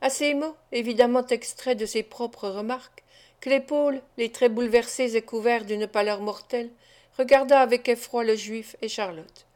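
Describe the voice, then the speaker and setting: A woman reads a classic novel aloud as an audiobook narrator, measured and even in her storytelling. Her voice sits somewhat high and stays clear. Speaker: audiobook reader. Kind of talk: scripted narration.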